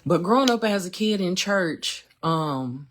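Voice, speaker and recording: Hosting her own live stream, a woman talks casually and emotionally, filling her speech with lots of fillers as she shares personal testimony. Her voice is fairly low and animated, and she speaks a little slowly.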